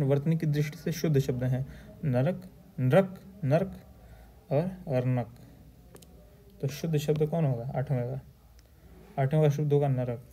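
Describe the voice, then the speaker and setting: A male teacher going through exam questions, reading each answer option aloud slowly and then stating the correct one. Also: mid-range voice, warm tone, slight background noise. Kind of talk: exam question walkthrough lecture.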